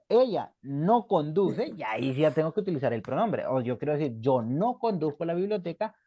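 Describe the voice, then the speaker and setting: A man's voice: fairly high pitch, dark tone, no echo. A man teaching a beginner English class online in Spanish, patiently repeating examples and checking in with the students.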